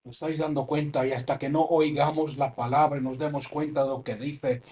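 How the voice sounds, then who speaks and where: A man from preaching a sermon, swinging between loud impassioned cries and low, hushed phrases. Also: flat delivery, a little fast.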